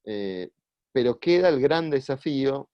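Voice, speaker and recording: A man giving a measured, explanatory talk, often pausing on "eh" and repeating words. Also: mid-range voice, animated, clear, resonant tone, no echo. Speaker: guest speaker on judicial reform. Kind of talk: lecture-style explanation. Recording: dull lo-fi, dry sound.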